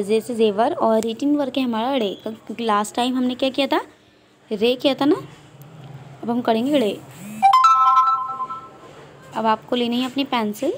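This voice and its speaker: A woman teaching a nursery class online, slowly drilling letters one by one for small children and mixing English with Hindi-Urdu. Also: a little high, a little mellow, a little hiss or hum.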